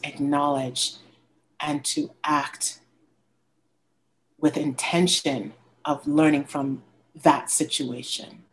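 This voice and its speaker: A woman with a low voice talks slowly and thoughtfully as an interview guest. Her delivery is soft and reflective, and now and then it jumps into sudden expressive bursts. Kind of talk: casual interview talk.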